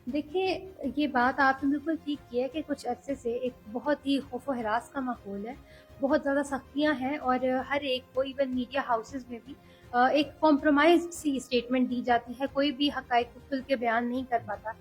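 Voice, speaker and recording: A young woman speaking earnestly as an interview guest, measured and hesitant at times. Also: high voice, steady tone, faint music behind, poor audio. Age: young adult. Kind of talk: political interview.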